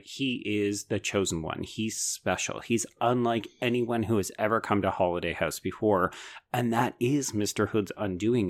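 A man with a lowish voice co-hosts a podcast. He talks through a book in a relaxed but eager and analytical way. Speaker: podcast co-host. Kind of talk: casual book discussion.

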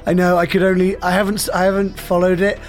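Guy on a podcast, higherish voice, laughs a lot, faint music behind. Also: monotone. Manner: laughs often, quick and chatty. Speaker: podcast co-host reading a story. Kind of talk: casual chat with read-aloud story.

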